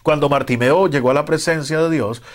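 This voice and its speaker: A man's voice: on the high side, fairly quick. A man preaching a sermon in a fervent, emphatic way, with some hesitant fillers between his points. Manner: fervent, rising to loud emphatic retellings.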